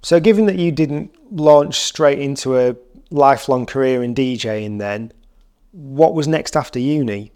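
A man hosting a podcast interview, musing aloud and asking relaxed follow-up questions. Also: medium pitch, moderate pace, clean tone. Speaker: podcast host. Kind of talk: casual interview chat.

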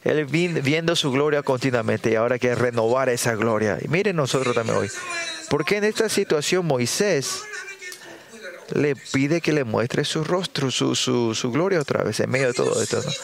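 A middle-aged male pastor preaches with a mid-range voice, stopping often to ask "right?" and restarting his phrases. He jumps up in pitch whenever he acts out someone praying. The congregation is clearly audible around him. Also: animated, crowd noise. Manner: frequent tag questions, halting restarts and fillers; acts out prayers in a raised voice. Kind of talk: sermon.

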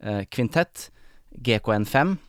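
A man's voice: medium pitch, expressive, measured pace, no room sound, clean studio sound. A man hosting an interview podcast, friendly and hesitant, with many "um" and "uh" fillers. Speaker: podcast host. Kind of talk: casual interview talk.

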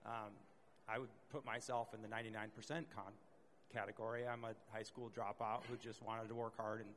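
A man's voice: fairly low pitch, little pitch movement, fairly quick, fairly bright tone, slight background noise. A middle-aged man hosting a casual panel talk, laid-back with many fillers. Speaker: host.

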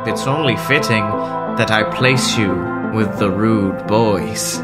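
A man doing a brooding, low-voiced talking hat. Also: over loud music. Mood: ominous. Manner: slow, drawn-out, menacing hum. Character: ominous old talking sorting hat, slow and brooding.

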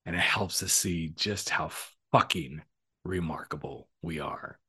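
A man's voice: a bass voice, a little slow, sharp tone, husky. A middle-aged man hosting a solo podcast, telling a coaching story and acting out both sides of the conversation in a casual, frank way with the odd swear word.

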